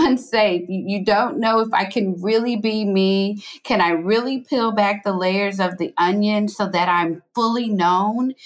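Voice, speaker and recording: A woman author who is a guest on an interview, talking in an earnest, expressive way and laughing often. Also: mid-range voice. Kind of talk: conversational interview.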